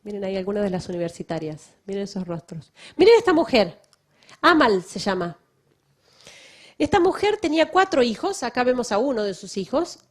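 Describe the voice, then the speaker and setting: A woman's voice: mid-range voice, very animated, brisk. A woman missionary giving a testimony to a church audience, emphatic and full of rhetorical questions. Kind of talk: public talk to a church audience.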